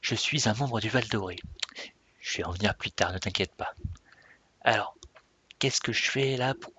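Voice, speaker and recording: A man's voice: lowish voice, moderate pace, bright, forceful tone, breathy edge, no room sound. A man giving an unscripted, rambling introduction to himself and his gaming server, often correcting himself and laughing at himself. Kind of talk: unscripted casual vlog talk.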